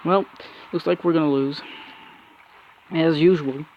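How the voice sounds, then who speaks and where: Male gamer, angry ranting play-by-play, slightly higher-pitched, frequent swearing and restarts. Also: fairly even intonation, a little slow, highs cut off, slight background noise. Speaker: mobile game player. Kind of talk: angry gameplay commentary.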